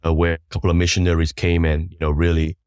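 A man in his thirties from Malaysia, a worship ministry leader telling his story in a podcast interview, halting with many restarts. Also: deep voice, monotone, darkish tone, clear, resonant tone, no echo, clean studio sound.

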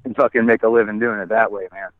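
A man's voice: on the low side, fairly even intonation, fast talker. Man in his forties on a tinny phone line. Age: 40s. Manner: rambling, swears freely, many restarts. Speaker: guest app founder. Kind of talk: casual phone chat.

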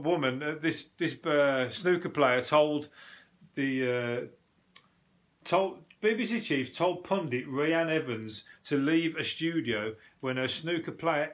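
Brummie man, slightly high-pitched voice, rambling casually. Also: fairly bright tone. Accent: Brummie (Birmingham). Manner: rambling, sweary, joking. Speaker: host of a news commentary show. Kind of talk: casual solo chat about news stories.

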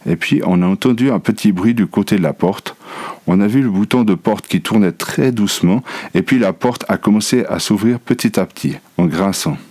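Man with a low voice reading a children's story. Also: moderate pace, no echo. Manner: lively first-person narration of a schoolboy. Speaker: audiobook reader. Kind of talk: scripted storybook narration.

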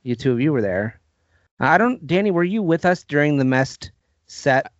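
A man co-hosting a casual podcast about music, reading out album facts in a brisk list. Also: on the high side, animated, no room sound, muffled recording. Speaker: podcast co-host. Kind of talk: casual chat.

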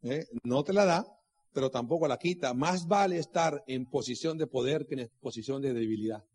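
Middle-aged male motivational speaker, husky and preachy, heavy on rhetorical questions and repetition. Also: mid-range voice, moderate pace, darkish tone. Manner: preachy, asks rhetorical questions and repeats key lines; tells personal anecdotes. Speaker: motivational speaker at a business meeting. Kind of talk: motivational talk to a live audience.

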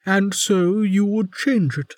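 Here a man takes on the role of a very elderly, haughty female warden for an audiobook, speaking much higher than his usual voice in a slow, mocking drawl. The teasing, sardonic read is close and dry, with fairly even intonation.

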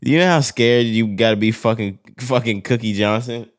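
A man's voice: medium pitch, normal speed, dry recording, clean studio sound. A man co-hosting casual sports banter in a crude, slangy, profane frat-bro manner, joking around. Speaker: podcast co-host.

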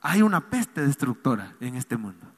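A man's voice: mid-range voice, big pitch swings, normal speed, breathy edge. A man, a pastor preaching a sermon with call-and-response, pleading and emphatic, in a church hall. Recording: long hall reverb.

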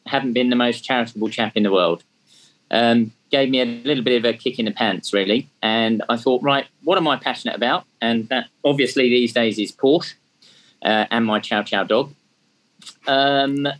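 A charity track day organiser in his fifties, English with a touch of Australian in his accent, is a guest in a relaxed interview. His voice sits at medium pitch with a fairly bright tone, and the recording quality is low. He comes across as self-deprecating and fills his speech with frequent ums.

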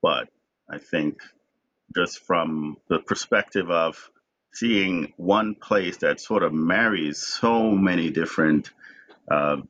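A man's voice: sits low, slow pace, a bit bright. A man in his forties from Jamaica, speaking as a guest in a conversational interview, reflective and often repeating words as he starts a thought. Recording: dull lo-fi sound.

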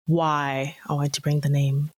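A young Nigerian woman whose accent blends Nigerian and Canadian speaks in a low, level voice at a measured pace. She chats casually as an interview guest, sprinkling her talk with "like" and laughing often.

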